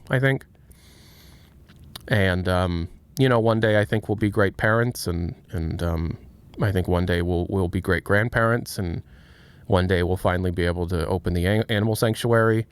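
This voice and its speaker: A man's voice: lowish voice, moderate pace, clean tone. A man in his late twenties, streaming and answering chat in a candid, reflective way, often restarting his sentences. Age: 20s. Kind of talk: casual livestream chat, answering chat.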